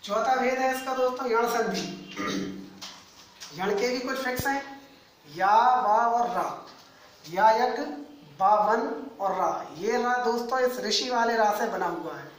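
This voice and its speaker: A man teaching a grammar lesson to coaching students, speaking slowly and repeating key points, addressing them as friends. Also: extremely high pitch, recorded from a distance, crowd noise. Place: coaching classroom. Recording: echoey room, voice away from mic.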